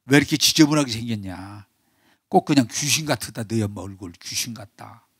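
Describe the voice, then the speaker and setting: A man's voice: medium pitch, animated, fairly quick, breathy edge, no room sound, clean studio sound. A man voicing schoolchildren who taunt a classmate with cruel jeers. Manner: taunting, jeering. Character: mocking group of young schoolchildren.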